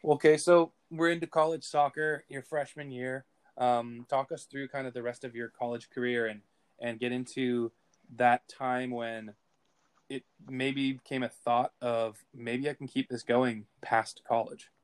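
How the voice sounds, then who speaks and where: A man hosts a casual interview at an ordinary middle pitch. He asks open questions and keeps his guest going with brief nods of "yeah" and "nice.". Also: level tone, measured pace, clear, resonant tone. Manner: short encouraging replies and questions. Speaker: podcast host, interviewer.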